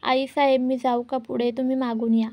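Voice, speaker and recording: A woman's voice: high-pitched, little pitch movement, normal speed, darkish tone, dry recording. A woman reading a flustered male servant. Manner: hesitant, flustered. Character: nervous, fumbling male servant.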